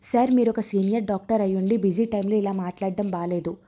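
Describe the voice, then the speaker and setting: A woman's voice: medium pitch, steady tone, fast talker, dark tone, lightly acted. A woman voicing a composed young woman doctor who speaks firmly but politely in a storybook romance. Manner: firm, polite.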